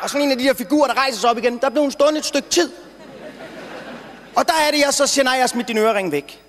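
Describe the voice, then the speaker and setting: A man's voice: extremely high pitch, a bit bright. A young man doing a brash, rambling stand-up routine on stage, sometimes stuttering when worked up. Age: young adult. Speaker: stand-up comedian. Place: stage in a large hall before an audience. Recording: reverberant hall, faint noise.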